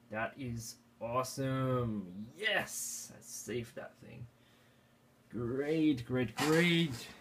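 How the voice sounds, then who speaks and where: There's slight background noise as a man from Austria, medium in pitch, chats casually while tinkering with an old computer. The vintage computer hobbyist rambles to himself and frequently chuckles in this hands-on tech vlog.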